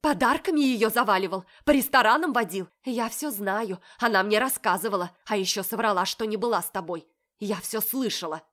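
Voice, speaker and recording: A woman voicing a furious young woman, a betrayed bride-to-be, who shouts accusations at her sister in an audiobook story. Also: mid-range voice, fairly quick, lightly acted. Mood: shouting.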